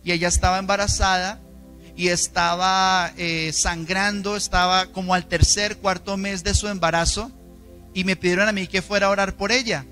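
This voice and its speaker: A man's voice: level tone, normal speed, sharp tone, faint music behind. A man with a Colombian accent preaching a sermon in a church, emphatic and dramatic, often asking the congregation questions. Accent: Colombian Spanish. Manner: dramatic, emphatic delivery with shifting pitch. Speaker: pastor.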